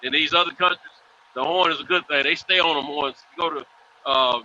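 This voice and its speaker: A man's voice: on the high side, brisk, pushed and bright. A man calling in over buzzy call audio that keeps breaking up, chatting casually with loose, slangy talk and lots of fillers. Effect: buzzy, glitchy call audio that breaks up. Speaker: remote caller in a group chat. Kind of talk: casual chat. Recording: muffled call line with faint hiss.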